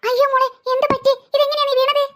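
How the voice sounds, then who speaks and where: A woman voicing a sharp-tongued cartoon mother who scolds and nags her children. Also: very high voice, level tone, fast. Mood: alarmed. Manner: scolding, nagging. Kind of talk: cartoon voice acting.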